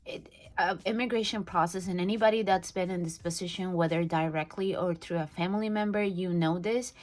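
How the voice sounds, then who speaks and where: A woman's voice: on the low side, steady tone, brisk, a little mellow. Bubbly young woman vlogger. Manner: bubbly, gushing, many fillers and restarts. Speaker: budgeting vlogger. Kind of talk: casual unboxing chat.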